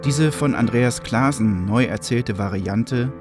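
A man reading the closing credits in a slow, even way. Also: mid-range voice. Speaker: credits announcer. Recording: music playing under the voice.

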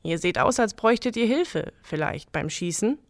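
A woman doing a croaking sly stranger. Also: mid-range voice, lively intonation, moderate pace, no room sound, studio quality, natural voice. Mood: coaxing. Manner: coaxing, smooth-tongued. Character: sly little stranger in red, devil-like tempter.

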